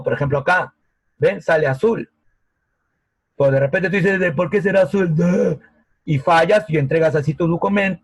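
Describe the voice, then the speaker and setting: A man's voice: fairly high pitch, no room sound, poor audio. A man teaching a grammar lesson over a video call, patient and often checking that students follow. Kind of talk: online grammar class. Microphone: laptop mic on a video call.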